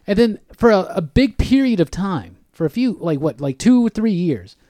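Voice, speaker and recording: A man's voice: sits high, big pitch swings, normal speed, mellow, no room sound, studio quality. Chatty man co-hosting a podcast. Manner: rambling, says "like" often. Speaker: podcast co-host. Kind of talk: casual chat. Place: recording studio.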